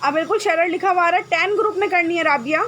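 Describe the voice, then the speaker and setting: A woman hosting a live-stream clothing sale, talking briskly and checking with viewers again and again. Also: very high voice, a bit bright, slight background noise. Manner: brisk, repetitive, checks with "okay?" often. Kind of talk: live-stream sales chat. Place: home room with generator noise.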